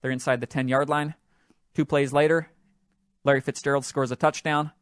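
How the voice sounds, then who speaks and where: A man hosting a solo podcast, telling a sports story in an animated, excitable way that builds up with the action. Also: medium pitch, moderate pace, no echo, clean studio sound. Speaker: podcast host.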